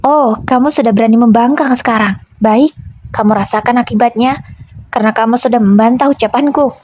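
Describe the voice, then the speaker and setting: A woman's voice: fairly high pitch, fairly quick, a little mellow, slight background noise, natural voice. A woman doing a harsh, scolding husband. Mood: angry scolding. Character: angry domineering adult husband.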